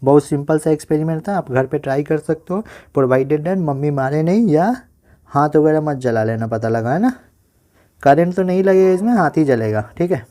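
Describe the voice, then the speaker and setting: A man with an Indian accent teaching a physics lesson online, asking his students questions and answering them himself, speaking slowly on purpose. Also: a little high, warm tone. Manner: says he talks slowly on purpose. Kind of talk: online class lecture.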